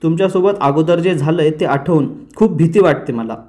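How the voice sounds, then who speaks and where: A man's voice: a little high, normal speed, warm tone, close to an everyday voice. A man voicing an anxious middle-aged wife who chides and worries, in a retold soap scene. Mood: worried, chiding. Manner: worried, chiding.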